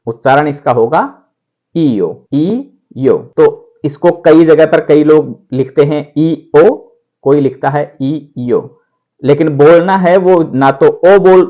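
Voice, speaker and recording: A man teaching a beginner language lesson, repeating words slowly and drawn out for listeners to practice along. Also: a little high, a little mellow, highs cut off. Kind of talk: instructional video lesson.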